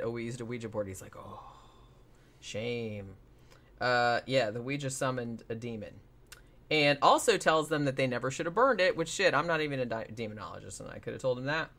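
A man's voice: mid-range voice, fairly bright tone. A man casually retelling a paranormal TV episode as a podcast host, rambling with lots of fillers and swearing.

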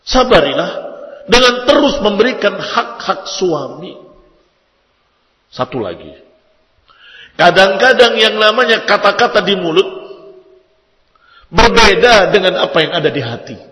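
A man preaching a sermon to married women, lively and emphatic, sometimes chanting Arabic passages in a sung tone. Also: high-pitched, unhurried, long pauses. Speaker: Islamic preacher. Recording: echoey hall reverb.

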